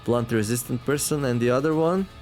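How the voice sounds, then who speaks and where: Playing a tactics game, a male commentator reads the story text aloud while rambling, often correcting himself and tossing in wry asides. His medium-pitched, slightly mellow voice moves fairly quickly and has turned a bit raspy after a long day of recording, with faint music behind him.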